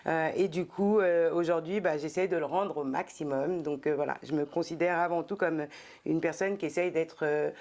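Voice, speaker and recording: A middle-aged woman from France tells her story in an interview with a low, gravelly voice. She speaks thoughtfully, pausing often and filling the gaps with hesitations. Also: steady tone, darkish tone. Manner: thoughtful, many hesitations and fillers. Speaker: guest, entrepreneur and former specialized educator. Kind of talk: casual interview talk.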